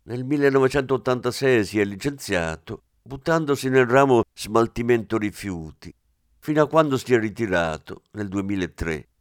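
A man's voice: medium pitch, expressive, normal speed, no echo, close to an everyday voice. An eager young officer, read by a man, briefing his boss in a slightly raised voice that stays close and dry. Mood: reporting. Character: eager young male police officer reporting.

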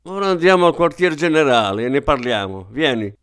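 A cool, amused army colonel, played by a man narrating a story, teasing in a calm voice. The sound is close and dry, with lively pitch. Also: brisk, smooth, no room sound. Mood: firm. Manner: mocking, calm.

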